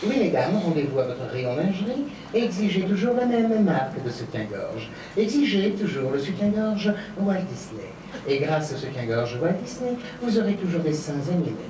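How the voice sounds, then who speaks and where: A man's voice: high voice, sing-song, moderate pace, few pauses, background noise. A man in drag performing a camp cabaret sketch, reading spoof commercials like an announcer. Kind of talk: stage comedy sketch. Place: cabaret stage. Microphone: stand mic, filmed from afar. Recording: echoey far-off home video of a stage.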